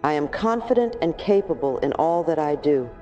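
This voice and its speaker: A woman with a low, mellow voice reads affirmations in a gentle, affectionate tone. Her delivery is smooth and scripted, like a meditation guide. Faint music plays beneath her. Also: animated, moderate pace, dull audio. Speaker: affirmation channel narrator. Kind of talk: scripted soothing narration.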